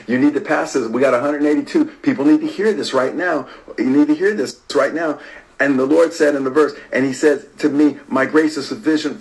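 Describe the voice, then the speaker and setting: Man, preacher, sermon, repetitive emphatic cadence, hushed drops, addresses y'all. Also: mid-range voice, rough recording. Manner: repetitive and emphatic, rising to stress and dropping to a hush. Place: livestream to online viewers.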